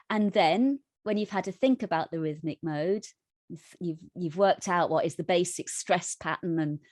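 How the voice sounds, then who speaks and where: A woman's voice: lowish voice, a little mellow, dry recording, clean studio sound. A woman tutoring an online music workshop, explaining thoughtfully with frequent restarts and self-corrections.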